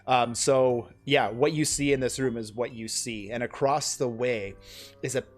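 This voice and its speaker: A man running a tabletop game on stream, talking through the scene in loose, rambling descriptions. His voice sits at an ordinary middle pitch. Faint music plays underneath. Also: fairly even intonation, moderate pace. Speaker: game master.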